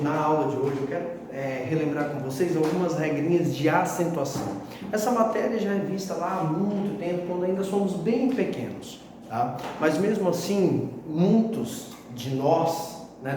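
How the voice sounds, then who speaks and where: A man's voice: mid-range voice, noisy background. A man teaching a casual video lesson, friendly and chatty, often checking in with his students. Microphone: phone. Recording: echoey hall-like room, phone held off at a distance.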